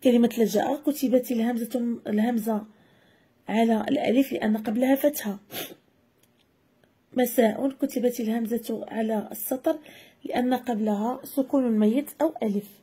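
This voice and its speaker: Woman teacher, husky and warm, slightly high voice, patient lesson delivery. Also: fairly even intonation. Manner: slow, deliberate dictation of example words. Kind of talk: classroom grammar lesson. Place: video lesson voice-over.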